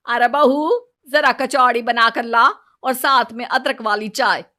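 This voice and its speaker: A woman's voice: on the high side, fairly even intonation, unhurried, pushed and bright. A woman voicing a bossy older mother-in-law who scolds and gives orders, in a storybook cartoon. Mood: scolding. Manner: scolding, commanding.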